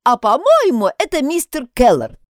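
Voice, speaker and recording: A hungry, cheeky errand boy, put on by a woman narrator who speaks his mind offhandedly. The voice stays lively with wide swings. Close, dry recording. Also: sits high, normal speed, dry recording, voice pushed up.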